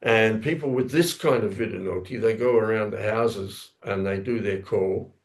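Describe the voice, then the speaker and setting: Low gravelly-voiced man telling a story. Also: normal speed. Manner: rambling, self-correcting, acts out sounds with his voice. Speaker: scripture class speaker. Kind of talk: storytelling scripture class. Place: temple lounge class, indoors.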